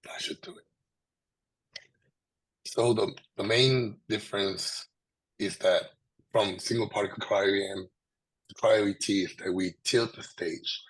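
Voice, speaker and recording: Hoarse, low-voiced man with a sore throat. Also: fairly even intonation, measured pace, rough recording. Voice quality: hoarse, husky. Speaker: presenter, researcher. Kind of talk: scientific presentation.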